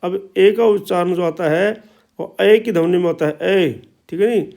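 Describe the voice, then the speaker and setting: High gravelly male teacher, slow and repetitive. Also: a little mellow. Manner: slow, repetitive explaining with drawn-out sounds. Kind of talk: spoken language lesson.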